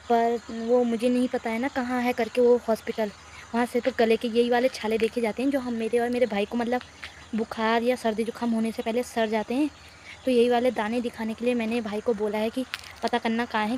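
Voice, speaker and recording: A young village vlogger from the Uttarakhand hills in India chats with her viewers and coos at her cats despite a cold and sore throat. Her voice is fairly high, dark, and quick, with little pitch movement. A slight hiss or hum runs under the recording.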